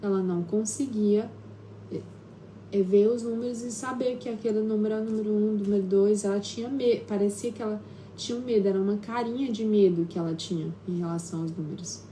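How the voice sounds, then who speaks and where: A woman's voice: mid-range voice, steady tone, brisk, mellow, a little hiss or hum. A woman with a Brazilian Portuguese accent, a therapist hosting a live stream from home, talks casually with frequent tag questions and hesitations. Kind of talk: casual live-stream talk, personal storytelling.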